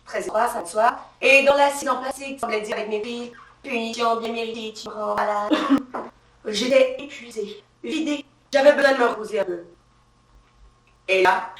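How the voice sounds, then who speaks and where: A woman's voice: fairly high pitch, a bit bright. A woman performing a theatrical, emphatic satirical monologue as a comic journalist character on a live stage. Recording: roomy live stage sound from a distance.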